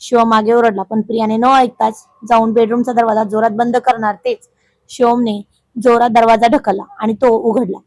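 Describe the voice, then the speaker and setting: A woman narrating a dramatic family story, emotive and vivid in her delivery. Her voice is on the higher side, and it is recorded dry and close with no echo. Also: level tone, normal speed, darkish tone.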